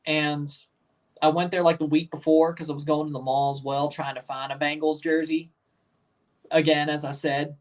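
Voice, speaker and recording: Hosting a livestream watchalong, an American man with a higher-pitched, level voice chats informally at a moderate pace. He rambles in short, casual bursts, mixing chat with match commentary, and sits some distance from the mic.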